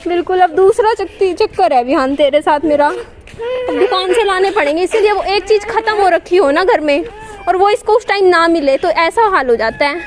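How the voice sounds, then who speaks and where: A young mother gently coaxes and soothes her crying child, repeating short phrases, in a casual home vlog. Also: very high-pitched, a little hiss or hum. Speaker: mother and vlogger.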